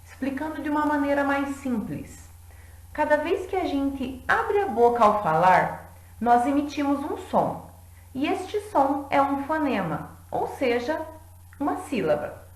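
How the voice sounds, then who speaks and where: A woman teacher giving a lesson in a clear, deliberate way, clapping out syllables. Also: sits high, big pitch swings, reverberant, rough recording. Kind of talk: classroom lesson.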